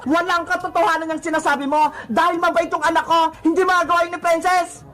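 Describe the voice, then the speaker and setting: A voice actor doing shrill, hot-tempered cartoon mother. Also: flat delivery, fast talker. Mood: scolding. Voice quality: very high-pitched, squeaky. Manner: shouting and scolding. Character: hot-tempered protective mother of a young girl. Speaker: neighborhood mother. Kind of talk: cartoon skit voice acting.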